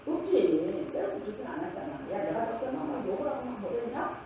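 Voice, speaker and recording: A woman's voice: fairly high pitch, sing-song, a little fast. A woman pastor giving a chatty, joking sermon full of personal anecdotes. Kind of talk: conversational sermon. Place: church sanctuary. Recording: very echoey hall, distant mic, faint hiss.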